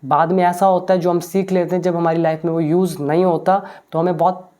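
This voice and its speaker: A woman teaching English, explaining a story line by line in a mix of Hindi and English. She patiently translates each English phrase and often pauses with hesitation sounds. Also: fairly low pitch, flat delivery, dark tone.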